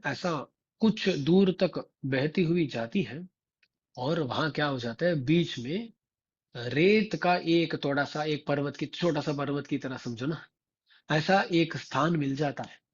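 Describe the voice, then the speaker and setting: A male religious teacher recounts a devotional tale at a very unhurried pace. His voice sits a little high for a man and has a husky, breathy edge. The recording sounds dull and lo-fi. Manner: slow and repetitive, often turning to the listeners with rhetorical prompts. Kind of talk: devotional storytelling discourse.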